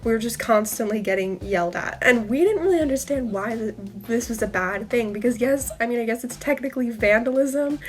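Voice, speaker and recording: A young woman vlogger telling a casual storytime, chatty and full of fillers. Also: on the high side. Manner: chatty, many fillers, laughs while telling.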